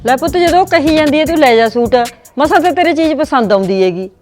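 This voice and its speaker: A woman's voice: sits high, lively intonation, quick pace, a little mellow, faint music behind. A woman playing a doting, scolding middle-aged village mother with an Indian Punjabi accent. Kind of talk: amateur village family drama.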